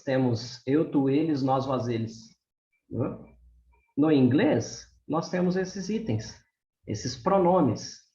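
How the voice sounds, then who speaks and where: Slow, lively teacher in a roomy space. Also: male voice, fairly high pitch. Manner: patient, keeps checking in with the class. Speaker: English teacher. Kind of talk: explaining grammar to beginners. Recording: roomy, slightly dull recording.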